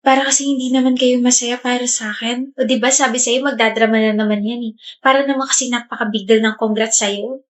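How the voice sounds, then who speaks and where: A woman's voice: a little high, steady tone, a little fast, close to an everyday voice. A woman acting out a school skit, chatting and bantering among friends. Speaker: skit actor. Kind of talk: scripted school skit dialogue.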